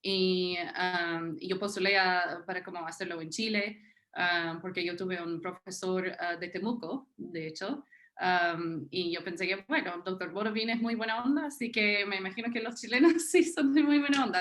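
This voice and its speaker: An American woman with a fairly low voice gives an unscripted panel talk in Spanish, her second language. She keeps stopping to fill pauses and restart her sentences. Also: a bit bright. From Tennessee, United States. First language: English. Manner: hesitant, many fillers and restarts. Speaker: historian, panel speaker.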